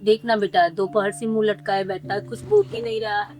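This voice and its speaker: A woman playing a mother who softly consoles her son in a short film. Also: medium pitch, steady tone, a little fast, faint music behind, natural voice. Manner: soft, consoling.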